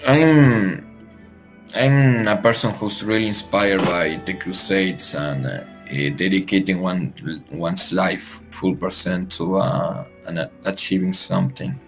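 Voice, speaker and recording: A man's voice: sits low, steady tone, slow, soft background music. A young man from Argentina whose first language is Spanish, guesting on a podcast in casual chat, joking crudely and laughing often.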